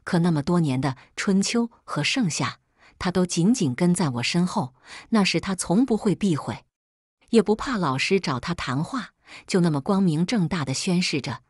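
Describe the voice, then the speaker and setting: In a low, breathy voice, a woman narrates a first-person drama story with measured, even delivery, like an audio storybook. The recording is dry and close, with no room sound.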